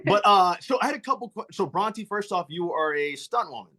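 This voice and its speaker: Fast-talking American man hosting a podcast. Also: sits high, animated, pushed and bright. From United States. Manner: eager, stumbles and restarts over words. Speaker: podcast host. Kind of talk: casual podcast interview.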